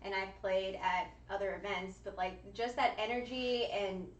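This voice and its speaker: A woman's voice: mid-range voice, steady tone, moderate pace. A woman talking casually and earnestly as a panelist in an enthusiastic fan discussion. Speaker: panelist on a fan live stream. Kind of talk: casual group chat. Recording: roomy, distant mic, faint noise.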